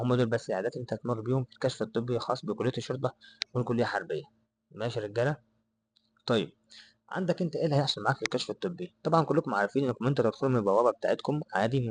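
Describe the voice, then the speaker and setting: A man's voice: medium pitch, slight background noise. A young man with an Egyptian accent, giving loose, unscripted advice to his viewers and often checking that they follow along. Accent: Egyptian Arabic. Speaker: advice vlogger. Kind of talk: unscripted explainer to camera.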